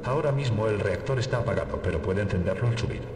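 A man's voice: lowish voice, expressive, quick pace, natural voice. An actor playing an apologetic male scientist in a video game, explaining things in a formal manner. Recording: echoey, distant, noisy game audio.

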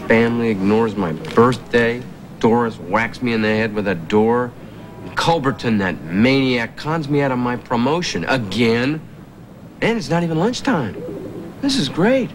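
A man's voice: mid-range voice, animated, a little slow, noisy background, lightly acted. An actor in his forties playing a put-upon office worker who sounds exasperated and frantic in a sitcom. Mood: glum. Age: 40s. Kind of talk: sitcom acting. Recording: sitcom audio with studio audience laughter.

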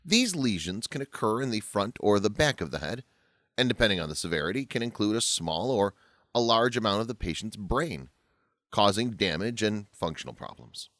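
A man reading a scripted story as narrator, in an expressive, lively way. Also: lowish voice, normal speed, no echo, clean studio sound.

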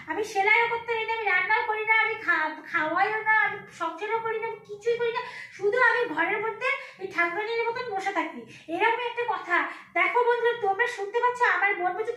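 A woman vlogger talks to her viewers in a very high, quick voice, animated and teasing. Her tone is bright and sharp. The sound carries the echo of a roomy space. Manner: animated, scolding and teasing by turns. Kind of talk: casual vlog chat addressed to viewers.

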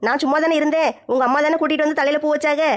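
Brash fast-talking woman doing comic sketch. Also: high voice, steady tone. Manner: brash and mocking. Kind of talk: village comedy sketch acting.

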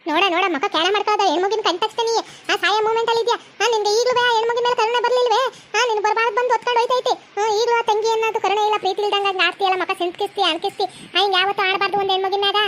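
A woman's voice: very high-pitched, steady tone, fairly bright tone, slight background noise. A woman voicing a chiding, consoling woman in a cartoon with a North Karnataka Kannada accent. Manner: chiding, rapid. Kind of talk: cartoon voice acting.

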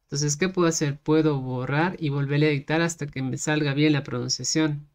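An English teacher giving a casual lesson in Spanish, explaining a method step by step and slowly sounding out English words. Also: mid-range voice, fairly even intonation, a little mellow.

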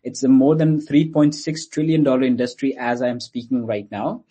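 A man's voice: medium pitch, fairly even intonation, moderate pace, mellow, husky. A man from Pakistan, a guest in an online interview, explaining things patiently with many fillers. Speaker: guest explaining his company. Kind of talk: interview answers.

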